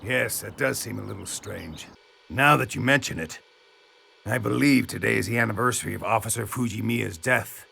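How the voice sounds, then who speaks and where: A man voicing a composed, knowledgeable adult in an animated series, recounting the past in a measured, grave way. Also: lowish voice, creaky, slightly rough, exaggerated voice. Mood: grave, explanatory.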